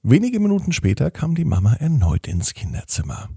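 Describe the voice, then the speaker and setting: A man reading a bedtime story in a calm, unhurried way. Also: medium pitch, vocal fry, slightly rough, no echo, clean studio sound.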